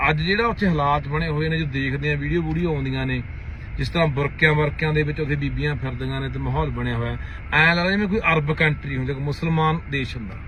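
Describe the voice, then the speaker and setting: A man's voice: a little high, highs cut off. A man with a Punjabi accent hosting a village report, speaking emphatically and repeating his points to viewers. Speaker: host. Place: outdoors in a village. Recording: outdoor recording with faint background noise.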